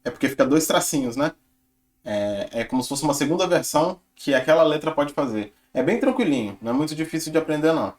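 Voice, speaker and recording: A man's voice: a little high, fast. A young man, casually walking viewers through his notes on learning Japanese and chatting with lots of tag questions. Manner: chatty, relaxed, filler-heavy with tag questions. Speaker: channel host sharing his Japanese study. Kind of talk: casual screen-share walkthrough.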